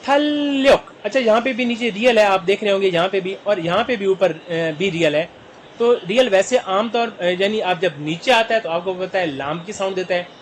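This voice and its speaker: A man with a Pakistani Urdu accent teaching Korean vocabulary, sounding out each word slowly syllable by syllable. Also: high-pitched, slight background noise, poor audio. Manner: spells words out slowly syllable by syllable. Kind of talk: vocabulary lesson.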